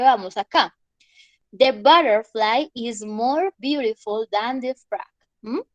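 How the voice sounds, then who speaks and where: High-pitched lady teacher going slow through grammar, keeps asking "right?", dry close sound. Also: no echo. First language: Spanish. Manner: patient, checks understanding with frequent "¿sí?" and "¿bien?". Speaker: English teacher. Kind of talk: online class explanation.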